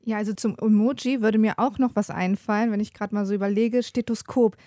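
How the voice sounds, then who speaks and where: Young woman with a warm, casual voice. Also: mid-range voice, steady tone, fairly quick, dry recording, clean studio sound. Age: 20s. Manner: casual, thinking aloud with fillers. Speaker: student guest. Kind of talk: podcast chat.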